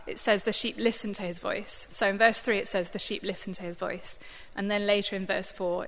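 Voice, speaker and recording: Woman, bright tone, informal sermon with lots of fillers, long reverberant hall. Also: mid-range voice. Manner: conversational, thoughtful, many fillers. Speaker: church staff member giving a Bible reflection.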